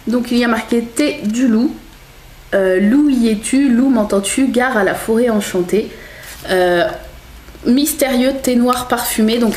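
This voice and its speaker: A young woman with a fairly high voice chats through a product review, stopping often to hesitate and correct herself. Her voice bounces around an echoey room, with a faint hiss behind it. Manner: chatty, many hesitations and self-corrections. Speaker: beauty box reviewer. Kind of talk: casual product review vlog.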